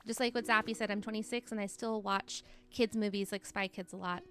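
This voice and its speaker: A woman's voice: mid-range voice, steady tone, brisk, fairly bright tone. A woman in her late thirties, chatting casually on a live stream and encouraging her chat while reading their messages aloud. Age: 30s.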